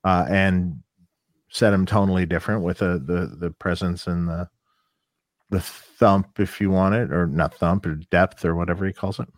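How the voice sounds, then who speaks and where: A man's voice: sits low, fairly even intonation, moderate pace, no echo, clean studio sound. A man co-hosting a casual podcast, thinking aloud about gear and products with many fillers. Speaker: co-host and gear maker.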